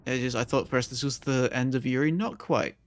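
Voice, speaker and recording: A male streamer with a croaky, medium-pitched voice chats casually with his viewers, talking a little fast as he thinks aloud and plans moves in a strategy game.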